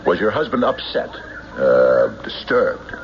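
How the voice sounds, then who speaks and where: In an old radio drama, an actor with a deep, sing-song male voice plays a stolid, methodical county sheriff who is formal and doggedly skeptical. His questioning is probing, official, deliberate, and hesitant, with police-report narration, all on a noisy, muffled vintage recording.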